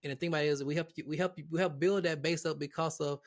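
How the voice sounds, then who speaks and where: A man's voice: a little high, steady tone, racing. A man who is a guest on an interview show, talking casually about his platform with many restarts and repeated words. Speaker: guest, real estate platform founder.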